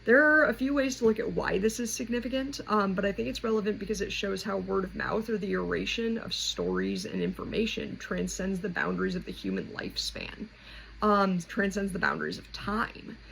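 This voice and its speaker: Hosting a poetry explainer from a clearly noisy home setup, a woman talks a little fast in a mid-range, slightly bright voice with big pitch swings. The lesson is casual, and she thinks aloud informally as she goes.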